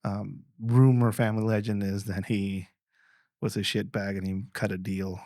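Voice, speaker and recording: A man's voice: fairly low pitch, little pitch movement, moderate pace, a little mellow, no room sound, studio quality. A man hosting a podcast in a casual, rambling way, restarting often and swearing freely. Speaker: podcast host. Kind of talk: casual conversation.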